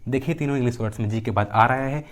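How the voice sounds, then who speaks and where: A man's voice: medium pitch, very fast. A young man teaching pronunciation, repeating each rule and example word and answering his own questions. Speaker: English teacher. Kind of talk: pronunciation lesson.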